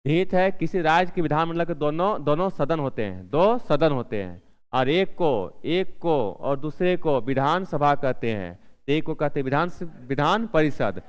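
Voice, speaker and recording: A man teaching an exam-prep class. His voice is a little high and clear, and the room behind it has a long reverb. He asks a question, answers it himself and repeats the answer. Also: expressive, moderate pace. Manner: repeats key answers several times.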